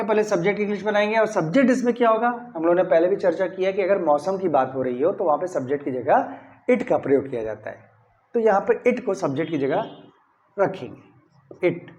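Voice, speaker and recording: High-voiced male grammar teacher. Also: a little mellow. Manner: explains step by step, often asks "clear?"; stresses key words when saying model sentences. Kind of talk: classroom-style grammar lesson.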